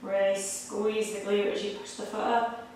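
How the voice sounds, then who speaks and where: A young woman leading a Pilates workout, giving steady, encouraging step-by-step cues. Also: mid-range voice, moderate pace, far from the mic, slight background noise. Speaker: Pilates instructor. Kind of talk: guided exercise instruction. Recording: echoey room, voice picked up from afar.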